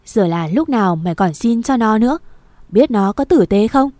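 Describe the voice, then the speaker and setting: A harsh village father who shouts and threatens his grown daughter in a fast, raging storybook voice, as a woman reader puts him on. The tone is mellow and dark, recorded dry and close. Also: fairly high pitch, animated, dry recording, close to an everyday voice. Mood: furious. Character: harsh angry village father, middle-aged man.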